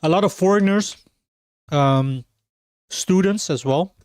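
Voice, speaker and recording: A Dutch man from the Netherlands livestreams a game, chatting casually with his viewers and laughing between lines. His voice is high and clean-toned, and he speaks at a slow pace.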